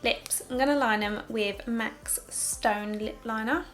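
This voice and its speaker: Young woman, slightly high voice, casual tutorial chat, candid and wry, faint music underneath. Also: slow, a bit bright. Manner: chatty, candid, with sarcastic asides. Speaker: makeup tutorial host. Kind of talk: casual makeup tutorial narration.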